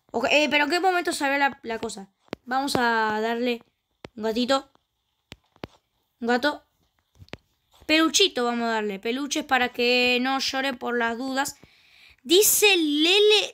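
A woman's voice: on the high side, fairly bright tone. A woman with a Rioplatense Spanish accent, chatting casually through a let's play and exclaiming often. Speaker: gaming channel host.

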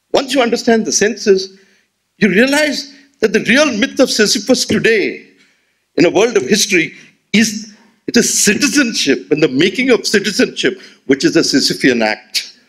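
Husky and high, at a moderate pace, this voice belongs to an Indian English-accented man in his sixties delivering a memorial lecture in an auditorium. He gestures and speaks with rhetorical expressiveness into a podium gooseneck mic.

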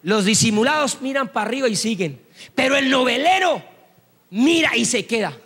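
A man preaching a sermon as pastor, telling stories and acting out voices before rising to loud praise. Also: very high-pitched, lively intonation, normal speed, breathy edge, long reverb tail. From Colombia. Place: church hall.

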